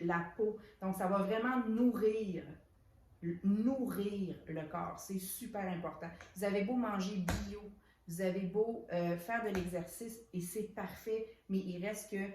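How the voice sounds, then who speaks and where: A woman's voice: fairly low pitch, darkish tone, a little hiss or hum. A woman with a Québécois accent chatting casually as she presents products, with lots of fillers and restarts. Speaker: soap shop owner presenting products. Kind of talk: casual product unboxing chat. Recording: echoey room.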